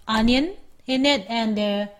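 A Japanese woman speaking English with a Japanese accent, co-hosting a casual chat and pausing often to search for words. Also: a little high. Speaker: podcast co-host.

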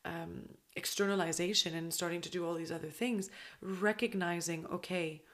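A woman's voice: on the low side, fairly even intonation, normal speed. A woman hosting a podcast, explaining in a casual, rambling way with many fillers and restarts. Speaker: podcast host.

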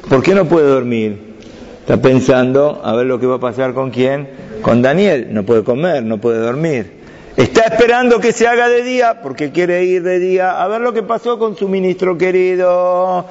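A man telling a religious story to children, expressive and full of questions to his listeners. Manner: expressive, wide swings in pitch and pace, asks the listeners questions. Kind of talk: dramatic story narration. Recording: dull sound with long hall reverb.

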